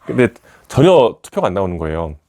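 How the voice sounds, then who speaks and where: A man's voice: sits low, sing-song, fast, darkish tone. A man giving a casual commentary on a manga, retelling its scenes and acting out the characters' lines in shifting voices. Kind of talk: animated storytelling commentary.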